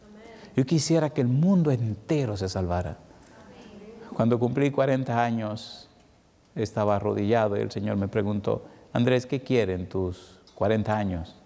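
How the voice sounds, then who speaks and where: A middle-aged man with a Dominican accent preaching a sermon, telling a personal story with emotion, slowing for emphasis and then speeding up. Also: fairly low pitch, vocal fry, warm tone. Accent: Dominican Spanish. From Dominican Republic. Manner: emotional storytelling, shifting between slow emphatic and quick passages. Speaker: evangelist preacher. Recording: long hall reverb.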